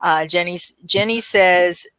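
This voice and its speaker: A woman's voice: lowish voice, measured pace, a bit bright, clear, resonant tone, no echo, rough recording. A woman hosting a casual livestream over a video call, reading out viewer comments and keeping the talk on time in an easygoing manner.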